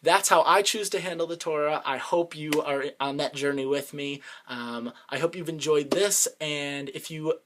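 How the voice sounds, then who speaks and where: A man's voice: a little high, normal speed, few pauses, noisy background. Earnest man giving casual Torah commentary. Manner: earnest, conversational, thinks aloud with frequent restarts. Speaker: online congregation leader.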